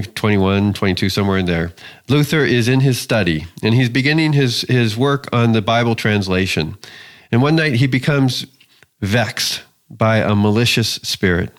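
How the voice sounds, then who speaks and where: A man who is a Lutheran pastor, giving a sermon in an earnest, measured way, with pauses and small restarts. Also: medium pitch.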